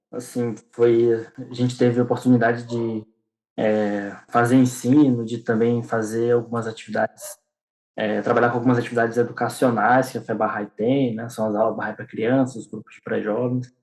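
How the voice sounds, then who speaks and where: A young man speaks in a casual interview. His voice sits in the middle of the male range, and he pauses often, restarts his sentences and leans on small fillers as he tells his story. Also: mid-range voice, fairly even intonation, darkish tone, rough recording. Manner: hesitant, many restarts and fillers. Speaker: podcast guest.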